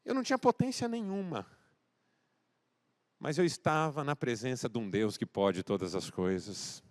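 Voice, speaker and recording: A male pastor from Brazil preaching a sermon, swinging between loud exhortation and quiet, intimate address, acting out dialogue as he tells a story. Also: medium pitch, expressive, moderate pace.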